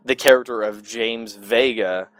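A man from Southern California with an American accent chats casually as a podcast co-host about video games, halting and repeating himself as he goes. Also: on the low side, a bit bright, rough recording. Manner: halting, repetitive, profane.

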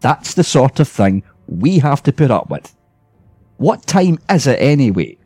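A man's voice: mid-range voice, sing-song, measured pace, a little mellow, husky, no room sound, soft background music. Weary old-style ghost guy complaining, a man doing it in a storybook reading, dry close sound. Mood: grumbling. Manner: grumbling complaints, then friendly. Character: weary grumbling male ghost, sociable but bitter.

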